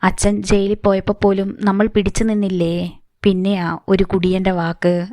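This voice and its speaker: A woman's voice: medium pitch, level tone, normal speed, warm tone, no echo, close to an everyday voice. A woman voicing a desperate young woman, the eldest sister, speaking urgently in a story. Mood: soothing.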